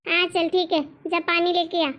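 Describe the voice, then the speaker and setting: A woman's voice: level tone, normal speed, highs cut off. A woman voicing a harsh, insulting mother-in-law in a cartoon story. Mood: scolding. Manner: shrill and insulting. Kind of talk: cartoon voice acting.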